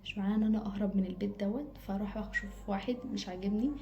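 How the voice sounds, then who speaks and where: A woman's voice: mid-range voice, fairly even intonation, racing, warm tone, lo-fi sound. A woman with an Egyptian Arabic accent giving casual advice straight to her own camera, emphatic and repeating phrases for stress. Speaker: advice vlogger. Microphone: self-filmed camera.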